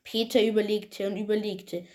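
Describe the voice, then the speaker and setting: A woman reading a fairy tale aloud in a plain, steady way, with occasional small slips. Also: medium pitch, normal speed. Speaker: storyteller.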